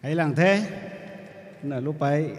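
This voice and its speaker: A man emceeing a wedding, calling guests up one by one at an unhurried, drawn-out pace. His slightly raised voice rings out with the long reverb of a big hall. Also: fairly high pitch. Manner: calls out guests' titles and names one by one. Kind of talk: ceremony announcements.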